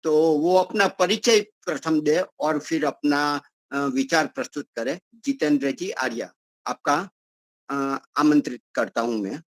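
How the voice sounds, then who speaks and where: A man with a slightly high voice hosts a spiritual gathering at a slow, halting pace. He fills the gaps with hesitant sounds. The recording is dry and close. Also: no room sound, poor audio. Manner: hesitant, pausing with many fillers. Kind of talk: hosting and inviting speakers.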